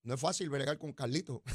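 A middle-aged man with a Puerto Rican accent hosting a political talk show, combative and mocking, swinging between loud and quiet, talking into a studio mic. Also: medium pitch, moderate pace, husky, dry recording. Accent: Puerto Rican Spanish. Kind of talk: political commentary monologue.

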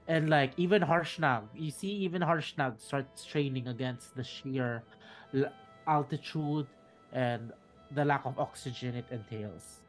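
Guy dm-ing a tabletop game, stops and restarts a lot, faint music behind. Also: medium pitch. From Philippines. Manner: halting, restarts mid-sentence. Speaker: dungeon master.

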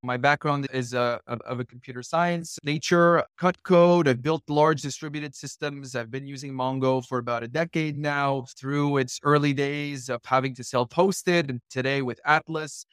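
A man's voice: medium pitch, normal speed, hardly any pauses, fairly bright tone, clean tone, no room sound, clean studio sound. Articulate male guest from Morocco. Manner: articulate, enthusiastic explainer. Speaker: guest, tech company executive. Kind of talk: podcast interview.

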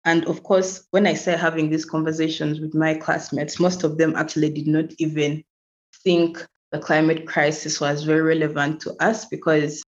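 A woman's voice: sits low, flat delivery, normal speed. A young woman from Uganda, a climate activist, talking earnestly as a podcast guest and laughing easily. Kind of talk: podcast interview over a call. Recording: dull lo-fi remote audio.

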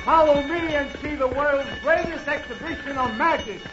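High-pitched old-time western medicine-show huckster. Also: male voice, normal speed, over music. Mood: showy, grand. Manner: grandiose barker patter, projected. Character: Eddie Morongo, showy traveling magician and elixir huckster. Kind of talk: old radio western acting. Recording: muffled old radio recording, faint noise.

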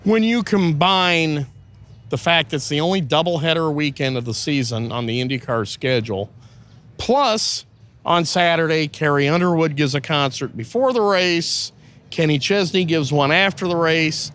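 A male motorsport show host with a slightly raised pitch. He builds long, detailed questions, piling up facts before he asks. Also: moderate pace, a bit bright. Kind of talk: interview questions.

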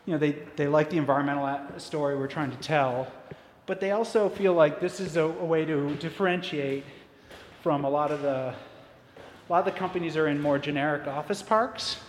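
A man's voice: on the high side, fairly quick. Man, out of breath, climbing stairs, casual talk, echoey stairwell, faint background noise. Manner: casual, with restarts. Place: indoor stairwell.

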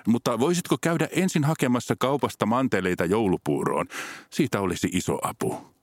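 A man's voice: mid-range voice, expressive, dry recording, studio quality, voice pushed up, close to an everyday voice. A man voicing a busy, harried but kind father in a storybook. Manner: hurried, sighing. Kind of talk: storybook character voice.

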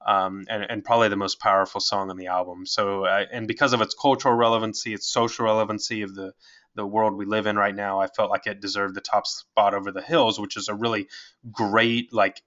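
A man's voice: lowish voice, little pitch movement, brisk, fairly bright tone, muffled recording. A man co-hosting a podcast in a casual music chat, rambling with lots of filler words. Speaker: podcast co-host.

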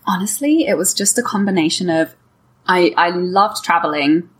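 Low, husky English woman, Home Counties accent. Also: normal speed. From Kent, England. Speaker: podcast guest. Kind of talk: casual conversational interview.

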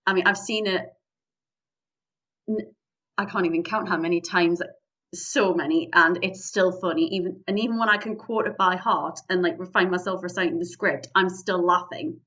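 This woman, an improv comedy performer from Newcastle upon Tyne in northeast England, speaks with a Geordie accent as an interview guest chatting casually about her performing. Her voice is fairly low and bright, with a forceful tone, fairly even intonation and normal speed. The lo-fi audio sounds dull and distant.

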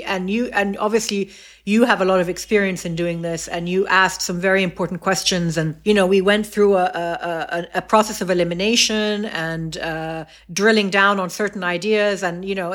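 A middle-aged Egyptian woman, raised in the US, Saudi Arabia and England, speaks as a podcast guest in a reflective interview conversation. Her mid-range voice is fairly bright, with fairly even intonation and a normal speed. She thinks aloud, using many fillers and restarting often.

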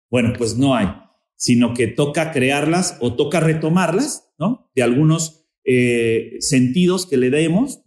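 A man's voice: a little high, a little mellow, roomy sound. A man appearing as a podcast guest, talking casually about spirituality and often searching for words as he goes.

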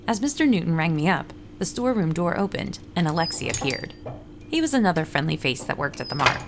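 A woman with a deep, sing-song voice speaks fairly quickly over a faint hiss or hum. She plays a friendly, ordinary runner and ad writer, calmly narrating her own story in first person for a scripted fiction podcast, with dialogue mixed in.

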